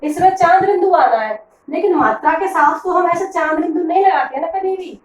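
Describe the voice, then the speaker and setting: A woman's voice: very high-pitched, brisk, reverberant, recorded from a distance, rough recording. A woman teacher explaining grammar to pupils, patiently asking questions and answering them herself. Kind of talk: classroom grammar lesson.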